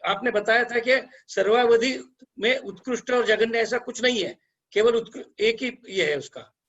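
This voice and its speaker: A man in a scripture class, asking questions in a halting way with many restarts. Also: very high voice, a bit bright, lo-fi sound. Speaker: student.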